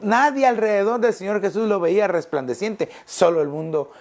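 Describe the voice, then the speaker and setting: A middle-aged male pastor preaching a sermon, emphatic, repeating phrases and slowing down on key words. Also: high voice, darkish tone.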